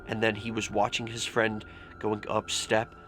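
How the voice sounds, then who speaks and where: A man's voice: on the low side, monotone, measured pace, pushed and bright, soft background music. A man telling scary stories in a casual, informal vlog style, with lots of filler "like". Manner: informal, mild swearing, frequent "like". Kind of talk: casual spoken storytelling. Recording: clearly noisy with background ambience.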